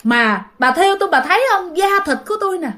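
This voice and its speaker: A woman's voice: very high voice, animated, fast, a bit bright, voice pushed up. A woman voicing the ghost of a cremated father who pleads and complains that his skin is burning. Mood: wailing complaint. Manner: plaintive, pleading, repeating cries of heat.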